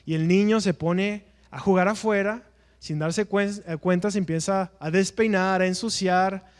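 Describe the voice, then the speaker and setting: A man's voice: high voice, fairly even intonation, measured pace, clean tone, long reverb tail. A man teaching an evangelism class in a church, earnest and preacher-like, asking rhetorical questions and answering them himself.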